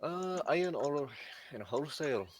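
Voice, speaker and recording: A man voicing a brisk woman blacksmith in her early thirties with an Irish accent, gruff and matter-of-fact. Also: a little high, animated, a little hiss or hum, voice pushed up, lightly acted. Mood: businesslike. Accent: Irish, put on. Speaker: game master.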